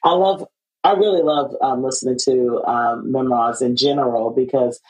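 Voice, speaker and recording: A woman is hosting a conversational podcast interview. She speaks casually and affirmingly. Her sentences come out haltingly, with small hesitations as she gathers the thought. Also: a bass voice, darkish tone, low-quality recording. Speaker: podcast host.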